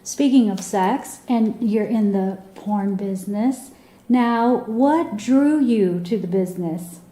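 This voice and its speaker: A woman's voice: mid-range voice, slow, warm tone. A woman interviewer asking probing questions casually, laughing and sometimes restarting her sentences. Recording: echoey room.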